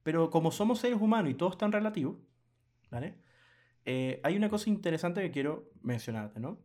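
A man co-hosting a casual podcast chat, animated and laughing often, acting out quoted clients in lively bursts. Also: on the high side, a little fast. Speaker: podcast co-host.

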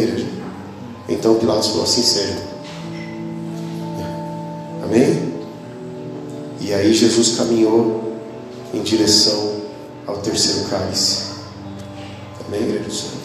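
A man preaching a sermon with a Brazilian Portuguese accent, telling the story dramatically and moving between hushed and loud delivery while calling out to the congregation. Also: on the low side, flat delivery, moderate pace, pauses often. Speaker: pastor. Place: church hall. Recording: very echoey church hall with faint music.

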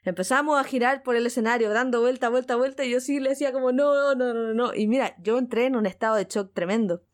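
Mujer chilena contando una anécdota emocionada. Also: female voice, fairly high pitch, fast talker. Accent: Chilean Spanish. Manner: excited, repeats words, laughs often. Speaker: guest. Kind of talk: casual storytelling.

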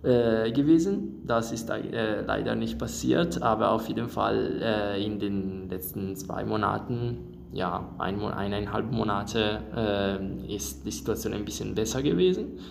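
A young Italian man with a low, gravelly voice answers interview questions in German with a clear Italian accent. He hesitates often, restarting phrases and filling pauses. A faint background noise sits under the recording. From Italy. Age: young adult. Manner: hesitant, many fillers and restarts in a second language. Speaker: interviewed exchange student.

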